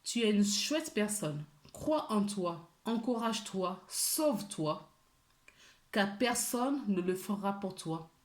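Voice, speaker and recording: Slow, gentle woman reading oracle cards. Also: mid-range voice, lively intonation, echoey room. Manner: gentle and encouraging, often asks for agreement; repeats key words for emphasis. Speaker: tarot and oracle card reader. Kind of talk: weekly spiritual card reading.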